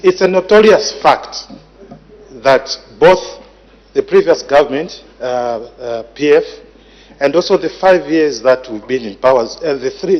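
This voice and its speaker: A man, a member of parliament questioning a minister in a formal, hesitant way. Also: mid-range voice. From Zambia. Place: parliament chamber. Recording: echoey chamber, dull sound.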